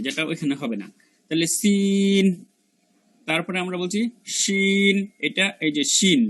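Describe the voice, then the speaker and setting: A man. He repeats each letter sound again and again, drawing it out slowly so learners can follow. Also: fairly high pitch, fairly bright tone. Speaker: Quran pronunciation teacher. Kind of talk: spoken lesson on letter pronunciation.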